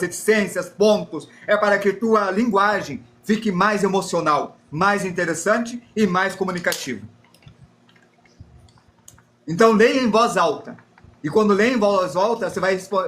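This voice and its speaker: A man's voice: sits high, fairly bright tone. A Brazilian man teaching a live drawing class, chatty and self-deprecating as he explains while drawing and answers chat. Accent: Brazilian Portuguese.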